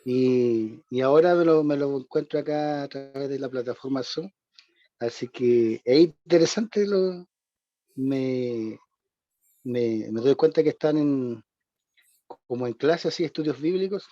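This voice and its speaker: A man's voice: medium pitch, a little slow. A man with a Chilean Spanish accent, a church member introducing himself on a video call in a rambling, hesitant way. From southern Chile. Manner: rambling, hesitant, with many restarts and soft laughs. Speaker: church member greeting the class. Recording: dull, dry video call audio.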